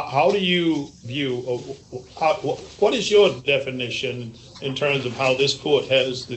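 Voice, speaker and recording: A man's voice: mid-range voice, a bit bright, rough recording. A man serving as an appellate judge, questioning counsel at a hearing, repeating words as he works out his questions. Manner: halting, repeats words while forming questions.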